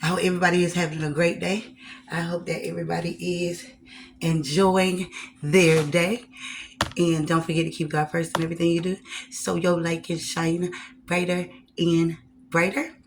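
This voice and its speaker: Low-pitched woman chatting while eating. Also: little pitch movement, normal speed, slight background noise. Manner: repeats phrases, folksy and preachy asides. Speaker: vlogger. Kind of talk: casual chat while eating on camera.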